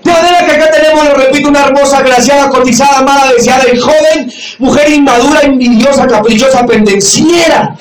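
A man pastor preaching a sermon loudly to a congregation, shouting for emphasis and acting out quoted voices. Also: extremely high pitch, fairly even intonation, fast, recorded from a distance, a crowd in the background. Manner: acts out quoted voices in dialogue. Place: church or meeting hall with audience. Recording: echoey room, mic from afar, audience noise.

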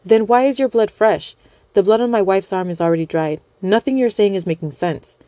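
A woman's voice: mid-range voice, brisk, mellow, dry recording, natural voice. Woman reading as a firm, angry protective husband. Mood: suspicious, firm. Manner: firm, accusing, cutting. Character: angry, protective young husband and pop idol.

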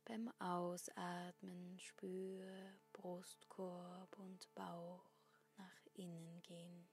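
A woman guiding a breathing meditation in a soft, breathy, half-whispered spa voice, giving calm instructions with long pauses. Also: lowish voice, a little hiss or hum.

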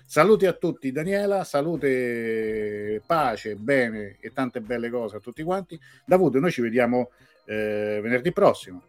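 A man's voice: mid-range voice, animated, measured pace. A man with a Roman Italian accent hosts a live show with casual, jokey, rambling banter, putting on showy game-show-host flourishes and mocking himself.

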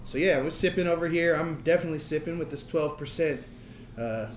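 A man's voice: fairly high pitch, fairly quick, slight background noise. A man hosting a casual podcast recorded on location at a brewery. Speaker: podcast host. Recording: echoey on-location room, music behind.

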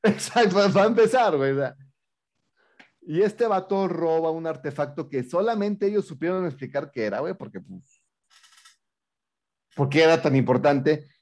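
A man's voice: fairly high pitch, animated, normal speed, a little mellow. A man with a Mexican accent co-hosting a movie review show, talking in slangy, incredulous rants in a casual, humorous chat.

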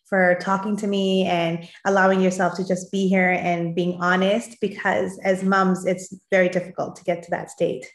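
A woman's voice: lowish voice, level tone, normal speed, few pauses. Encouraging female host in an echoey room. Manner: encouraging, addresses listeners as fellow moms. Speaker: show host. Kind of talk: motivational interview hosting. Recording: roomy, echoing sound.

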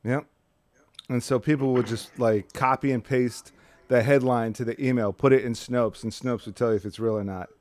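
A man's voice: medium pitch, steady tone, normal speed, a little mellow, no room sound. Male podcast co-host, casual and profane, dry recording. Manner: profane, loose and joking. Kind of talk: casual chat.

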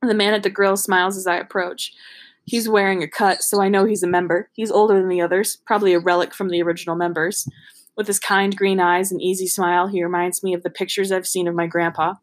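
A woman's voice: lowish voice, little pitch movement, quick pace. A woman reading a novel aloud in an amateur, casual way, giggly and breaking off to joke and comment. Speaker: podcast host reading a book aloud.

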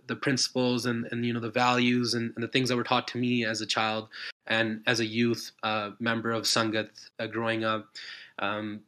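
A man's voice: medium pitch, pushed and bright. A young man from Canada giving an informal explanatory talk as a guest speaker, casual and peppered with conversational filler words. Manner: casual, filler-heavy, frequent "you know" and "like". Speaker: guest speaker, community health specialist.

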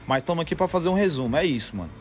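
Very fast and lively in intonation, this man's voice sits on the high side. He's a Brazilian-accented podcast host giving a slangy, casual chat and sign-off, peppered with slang tags, over background music.

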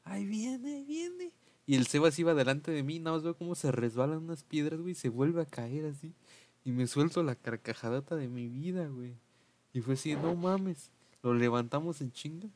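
A man's voice: fairly high pitch, a little fast, a little mellow. A young man with a Mexican Spanish accent, hosting a podcast and telling a story in slangy casual chat, acting out quotes in raised voices.

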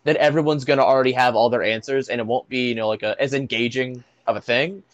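A man's voice: mid-range voice, fairly even intonation, quick pace, no echo, muffled recording. A man co-hosting a podcast in casual chat, easygoing and agreeable, with many fillers. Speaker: podcast co-host.

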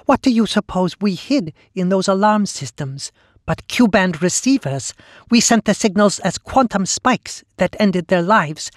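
A man's voice: sits high, dry recording, clean studio sound, pitched above the performer's own voice. A man voicing a female hive-monster fused into a mass of flesh, speaking in an oily, taunting, zealous way.

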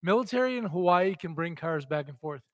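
A man's voice: a little high, animated, a little fast. A middle-aged man chatting and bantering casually as co-host of a talk show.

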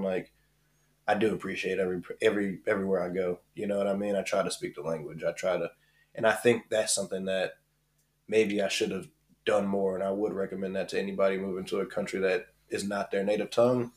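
Low-voiced, laid-back American man. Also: fast talker. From United States. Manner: laid-back, self-described monotone. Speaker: podcast co-host. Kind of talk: casual chat.

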